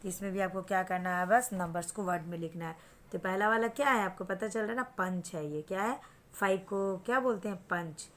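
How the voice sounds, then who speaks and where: A woman's voice: mid-range voice, fairly quick, fairly bright tone. A woman teacher with an Indian accent giving an online lesson to children, patient, repeating things and asking questions back to check understanding.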